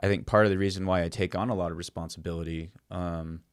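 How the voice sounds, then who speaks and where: A man's voice: deep voice, steady tone, fast, clean tone, dry recording, clean studio sound. A man co-hosting a podcast, talking in an easygoing, reflective way, full of "you know" and "like". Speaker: podcast co-host. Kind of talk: casual conversation.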